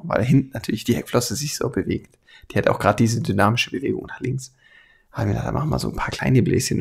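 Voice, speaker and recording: Medium in pitch with vocal fry and a slight roughness, the man's voice leads a hands-on airbrush tutorial. He talks colloquially and chattily with a light Swabian, southern German accent, chuckling frequently.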